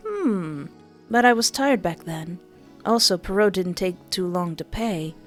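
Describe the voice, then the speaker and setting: Soft music plays as a woman reads a visual novel at a measured pace. She brings expression to both the narration and the dialogue, giving each character its own pitch.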